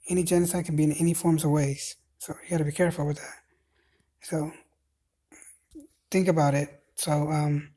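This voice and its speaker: A man in his thirties from Cambodia, rambling to a phone camera with many pauses and fillers while lying on a bed in a dim bedroom. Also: fairly high pitch, mellow. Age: 30s. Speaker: vlogger. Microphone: phone held at arm's length.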